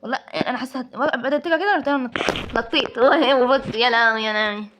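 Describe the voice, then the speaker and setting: A woman's voice: fairly high pitch, quick pace, background noise. A woman with an Egyptian Arabic accent, hosting a game playthrough and exclaiming at each surprise in the game. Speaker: gaming channel host. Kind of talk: let's play commentary.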